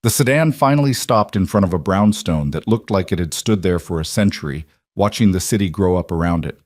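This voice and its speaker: A man narrating a scripted story in an even, measured audiobook manner. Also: deep voice, no echo, studio quality.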